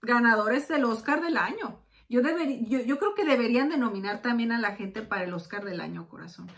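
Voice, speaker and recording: Chatty woman tarot reader. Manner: warm, chatty, calls the listener "corazón"; acts out quotes with quick pitch jumps. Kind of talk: tarot reading monologue.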